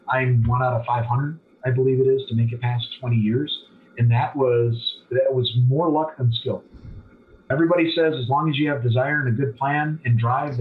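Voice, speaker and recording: A man in his forties, a business owner telling his story bluntly and candidly as a podcast guest, self-deprecating and animated when he makes a point. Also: medium pitch. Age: 40s. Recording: thin phone-like line, distant from mic.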